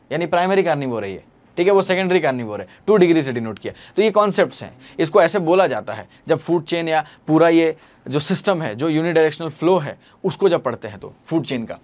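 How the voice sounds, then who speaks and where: A man's voice: a little high, fast talker. A young man with an Indian accent teaching biology in a classroom lecture, asking questions and answering them for his students. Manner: lively, swings from loud to soft.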